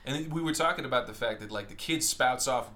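A man's voice: mid-range voice, a little fast, pushed and bright. A man co-hosting a casual film discussion, enthusiastic and swearing casually. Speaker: podcast co-host.

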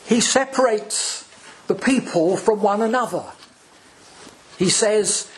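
A male priest preaching a sermon, slow and deliberate, with dramatic pauses between phrases. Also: sits high.

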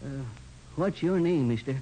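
A man's voice: on the high side, animated, a little slow, mellow, a little hiss or hum, poor audio. An actor playing a nervous, fawning shady salesman who stammers and hesitates, in 1940s radio drama style. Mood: wary.

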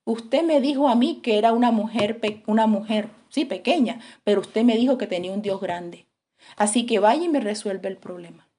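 A woman's voice: mid-range voice, normal speed, warm tone, lightly acted. A woman voicing a stern male mandarin official in a sermon story, giving orders in a matter-of-fact tone. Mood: commanding.

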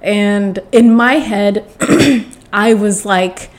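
A young woman telling a personal story in a casual storytime monologue. She rambles and corrects herself, restarts her sentences, tells it with dramatic flair and clears her throat often. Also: medium pitch, extremely slow.

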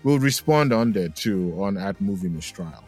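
A man's voice: fairly low pitch, animated, moderate pace, darkish tone, soft background music. A man co-hosting a movie podcast, telling stories in a rambling way with lots of fillers. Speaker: podcast co-host. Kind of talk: casual chat.

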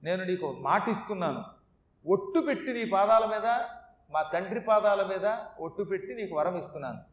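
A man's voice: sits high, animated, moderate pace, recorded from a distance. A man voicing a scheming male god who humbly pleads and promises to serve. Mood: begging. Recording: echoey room.

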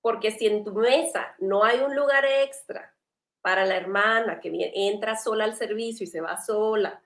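A woman's voice: medium pitch, moderate pace, reverberant. Earnest woman hosting a faith panel. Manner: earnest, animated, conversational. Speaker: host.

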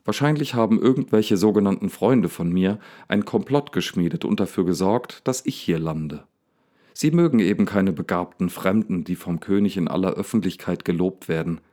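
A man reading a storybook, voicing an agitated young man shouting indignantly at a lion. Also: on the low side, expressive, a little slow, pitched above the performer's own voice. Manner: angry, indignant outbursts. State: slightly hysterical.

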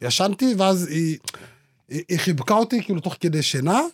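High-pitched young man telling stories. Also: dry recording, clean studio sound. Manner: animated storytelling with slang. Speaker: podcast co-host. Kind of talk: casual chat.

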